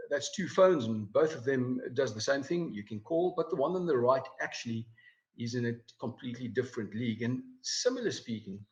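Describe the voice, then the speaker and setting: A man, a financial advisor, giving a live presentation over slides, with many fillers and repeated words. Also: medium pitch. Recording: dull lo-fi recording.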